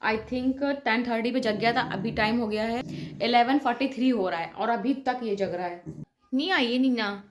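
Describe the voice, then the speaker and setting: A woman's voice: a little high, normal speed, a little hiss or hum. Chatty young mother vlogging at home. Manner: chatty, soft-spoken at times to avoid waking the baby. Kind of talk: casual vlog narration.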